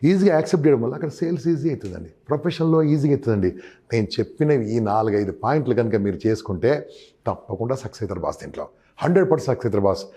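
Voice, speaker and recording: Man, sales trainer, husky mellow tone, emphatic and coaching. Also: medium pitch, lively intonation, racing. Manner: emphatic, addresses listener as boss, acts out customer dialogue. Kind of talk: advice interview.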